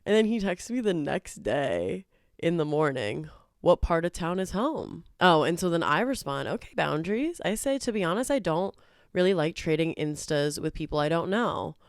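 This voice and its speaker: A young woman telling dating stories in a casual, animated storytime chat, joking and laughing as she goes. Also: low voice, gravelly, no echo, clean studio sound. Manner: chatty, animated, bursts of laughter and jokey made-up words.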